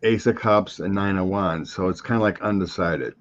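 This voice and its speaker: A man co-hosting a casual live chat, talking politics and reading tarot cards in a relaxed, halting way. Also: sits low. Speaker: psychic co-host reading tarot. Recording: dull lo-fi audio.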